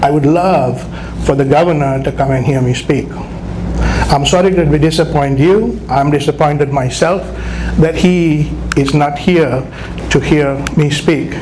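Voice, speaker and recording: A middle-aged guest motivational speaker with a Sri Lankan accent addresses the audience at a business chamber event, conversational and often checking in with "right?". His voice is on the high side and unhurried, and the live event's background noise is clearly audible.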